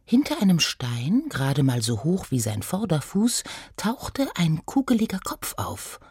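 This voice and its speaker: Lady reading a kids story, slow and bouncy, dry close mic. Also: lowish voice, wildly swooping pitch, a little mellow, slightly rough, no room sound.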